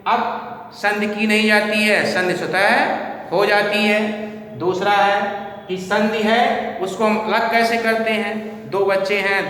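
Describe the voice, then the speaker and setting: Slow-talking male teacher in an echoey hall. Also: sits high, fairly bright tone. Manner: slow, repetitive, asks questions and answers them. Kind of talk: classroom lesson. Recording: echoey hall, distant mic.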